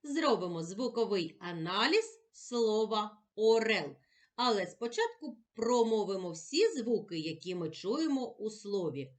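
A woman teacher with a Ukrainian accent giving a children's reading lesson, slowly sounding out letters and syllables. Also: mid-range voice, lively intonation. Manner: slow, clear, sounding out syllables for young children.

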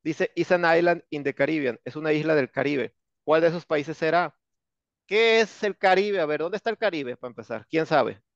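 A male English teacher with a Mexican accent gives an online lesson full of sarcasm, slang and jokes, speaking at a moderate pace in a slightly high, gravelly voice heavy with vocal fry. The recording is dry and dull, like a lo-fi video call.

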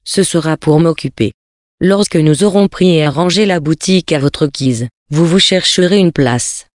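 A reader voicing a practical young woman who lays out her conditions calmly and matter-of-factly, in a storybook reading. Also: mid-range voice, moderate pace, dry recording, studio quality, lightly acted. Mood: businesslike. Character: practical young Parisian woman, cool and businesslike.

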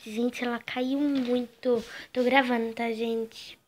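Woman vlogger, high voice, unhurried delivery, giggly, keeps talking to viewers, casual vlog chat. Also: little pitch movement, a little hiss or hum. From Brazil.

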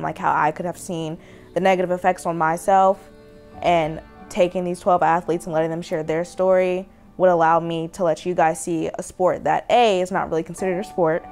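Earnest low-voiced woman hosting a documentary. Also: darkish tone. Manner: earnest, measured and appealing. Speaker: documentary director and host. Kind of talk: direct-to-camera documentary introduction. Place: living room, seated on a couch.

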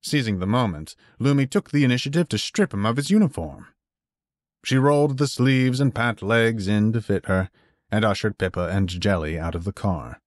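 A man narrating a fan fiction story in an even, measured reading. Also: lowish voice, no room sound, studio quality.

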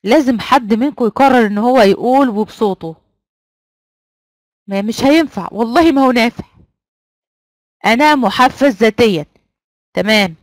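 A woman's voice: a little high, brisk, no room sound. Egyptian woman coaxing an online class. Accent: Egyptian Arabic. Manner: coaxing, repeats prompts to the class. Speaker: online trainer.

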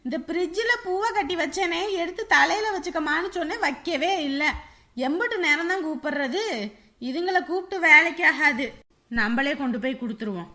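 A woman's voice: very high-pitched, animated, fairly quick, sharp tone, full character voice. An actress playing a middle-aged mother-in-law who scolds and nags the household. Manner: scolding, nagging. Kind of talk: family drama acting.

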